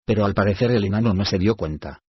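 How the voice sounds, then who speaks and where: A man reading a children's fantasy audiobook in an even, measured storybook narration. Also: on the low side, slightly rough, dry recording, dull audio.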